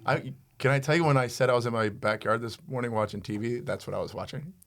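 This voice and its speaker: A man's voice: mid-range voice, fast. A man in his forties co-hosting a comedy podcast, chatting casually, laughing often and breaking into bits of song. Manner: animated, laughs often, breaks into sung snippets.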